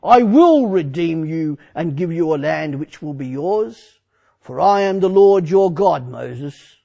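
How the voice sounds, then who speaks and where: A male preacher voicing God, who speaks to Moses in slow, solemn and measured declarations within a dramatic monologue sermon. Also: on the high side, animated, creaky, dark tone, dull audio, exaggerated voice.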